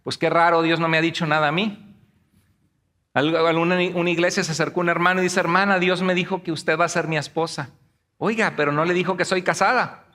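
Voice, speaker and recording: A man preaching a sermon to his congregation, animated and playful, slipping into acted quotes and jokes. His voice is high and bright. It rings out with a long reverb through the church hall. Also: brisk. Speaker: pastor. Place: church sanctuary.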